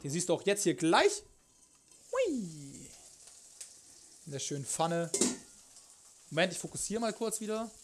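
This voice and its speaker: A man's voice: sits high, big pitch swings, a little slow, pauses often, a little hiss or hum. A young man chatting casually on a cooking livestream, rambling and joking in loose slang as he answers his chat. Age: young adult. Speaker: live streamer, cooking show host. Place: home kitchen, indoors. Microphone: headset.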